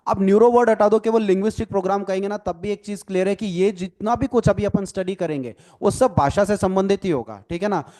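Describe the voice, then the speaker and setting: A man's voice: high-pitched, dark tone. A man leading an online training lecture, explaining patiently and often checking "right?" as he slips English phrases into his talk. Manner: explains slowly, mixes English phrases into Hindi, repeats "ठीक है ना?". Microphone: video call.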